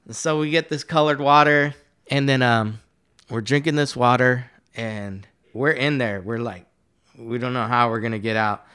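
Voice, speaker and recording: A man in a casual podcast interview, telling a long story in a relaxed, meandering way. His voice sits in an ordinary middle pitch, and he scatters fillers and curse words throughout. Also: moderate pace, smooth. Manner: rambling, laid-back, profane, many fillers. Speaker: guest artist.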